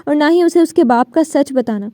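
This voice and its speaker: A woman's voice: sits high, animated, mellow, no room sound. A woman voicing a desperate pleading old father. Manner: pleading, begging. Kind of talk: audiobook novel reading.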